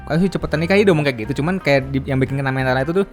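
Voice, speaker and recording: A man's voice: fairly high pitch, soft background music. A young man, co-hosting a film review in casual chat and retelling scenes. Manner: fast, retelling scenes with acted quotes.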